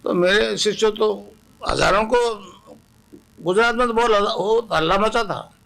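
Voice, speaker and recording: Older Rajasthani guru addressing a crowd, high pitched with a rough gravelly edge. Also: male voice, unhurried, a bit bright. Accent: Rajasthani Hindi. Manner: chants mantra aloud with audience; speaks to a gathered audience. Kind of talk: spiritual discourse.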